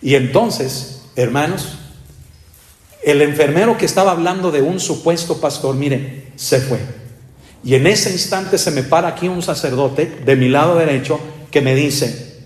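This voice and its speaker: A pastor delivers a sermon in a high, lifting voice. He tells his story in bursts, leaning on drawn-out words and asking his listeners question after question. The room is echoey, like a church sanctuary. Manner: animated preaching, frequent pitch leaps and drawn-out emphatic words; storytelling, peppers speech with rhetorical tags to the congregation.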